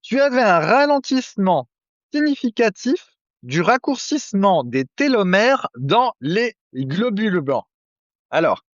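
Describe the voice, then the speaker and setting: A man's voice: high-pitched, sing-song, a little slow, no room sound, muffled recording. A man co-hosting a nutrition podcast, chatting casually with many fillers and jokey asides. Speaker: podcast co-host. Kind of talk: casual chat.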